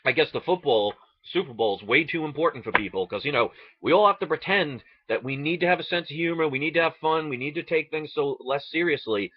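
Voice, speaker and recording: A man's voice: a little high, fast talker, hardly any pauses, breathy edge, no room sound, highs cut off. A man from the United States delivering an impassioned, indignant political rant, sarcastic and full of rhetorical questions. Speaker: online video ranter.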